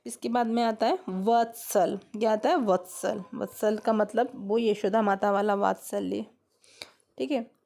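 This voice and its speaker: Slow, gravelly-voiced woman teaching grammar. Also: medium pitch, steady tone, warm tone. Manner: repeats questions to students, explains step by step. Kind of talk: grammar lesson.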